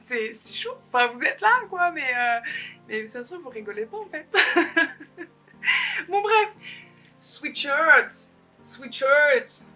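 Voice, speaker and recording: A young vlogger, by herself at home, chats to the camera for a casual haul, giggling, rambling, and mocking herself. Her high voice is sing-song, pushed and bright, and she takes it slowly with long pauses over soft background music.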